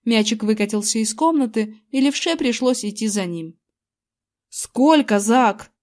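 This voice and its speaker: A woman's voice: a little high, lively intonation, normal speed, a little mellow. Woman reading a storybook aloud. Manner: reads dialogue with light voicing of characters. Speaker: audiobook reader. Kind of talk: storybook narration with character voices.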